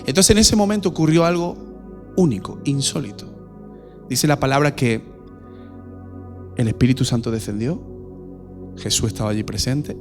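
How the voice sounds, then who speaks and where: A pastor preaching a sermon in a church, direct and questioning. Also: male voice, mid-range voice.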